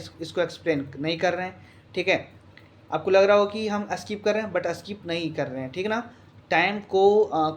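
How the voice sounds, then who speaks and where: High-voiced brisk biology tutor. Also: male voice. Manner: brisk, repetitive, quizzing students with rhetorical questions. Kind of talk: exam question walkthrough lesson.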